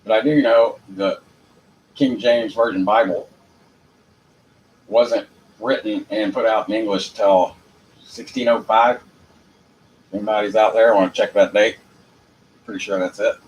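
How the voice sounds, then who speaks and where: A man's voice: fairly low pitch, steady tone, a little slow, long pauses, dull audio. A man with a Southern US accent giving an informal, rambling monologue in a folksy, unpolished manner, repeating phrases for emphasis. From Jacksonville, United States. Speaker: amateur legal commentator. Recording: noticeable background noise.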